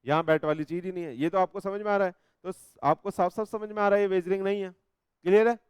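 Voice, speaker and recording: A man teaching a law class in Hindi, coaxing his students with frequent checks and reading legal text slowly. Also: high-pitched, fairly even intonation, clear, resonant tone, no room sound, studio quality. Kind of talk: classroom lecture.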